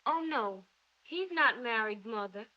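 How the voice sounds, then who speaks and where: A woman's voice: fairly high pitch, lively intonation, measured pace. An actress playing an emotional young woman in love who speaks in breathless, gushing exclamations, on a dull 1930s film soundtrack. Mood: excited. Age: young adult.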